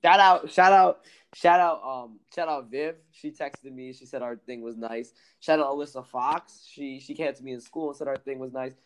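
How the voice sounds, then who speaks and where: A teenage boy co-hosting a casual podcast, talking haltingly and repeating words. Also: medium pitch, clean tone. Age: teens. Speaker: podcast co-host.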